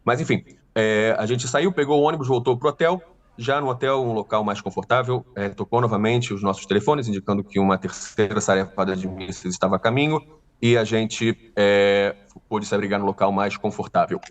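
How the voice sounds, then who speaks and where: A man with a carioca accent from Rio, a tour guide speaking in a remote news interview with many hesitant pauses. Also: fairly low pitch, distant mic. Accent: Carioca Brazilian Portuguese. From Rio de Janeiro, Brazil.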